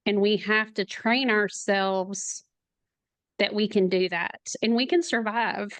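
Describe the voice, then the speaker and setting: A middle-aged woman, a podcast guest, speaking in a slow, halting, emotional way, near tears at times. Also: medium pitch, steady tone, fairly bright tone, dry recording. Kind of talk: podcast interview.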